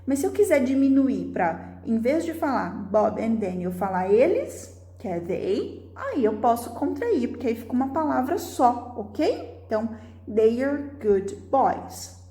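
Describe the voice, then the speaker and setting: A woman, a Portuguese speaker, teaches beginner English in a slow, unhurried way. Her voice sits a little high and swings widely in pitch, and she keeps checking in with her viewers. The room gives her voice a clear echo. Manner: lively, checks in with the viewer often; reads example sentences slowly and clearly. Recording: roomy, echoey sound.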